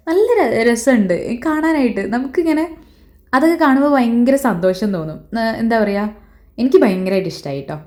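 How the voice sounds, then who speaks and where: A woman talks over her travel footage in a loose, chatty voice-over. She often pauses mid-sentence to hunt for the right word. Her voice sits at an ordinary middle pitch. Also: darkish tone. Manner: chatty, often searching for words. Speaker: travel vlogger. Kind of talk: casual voice-over narration.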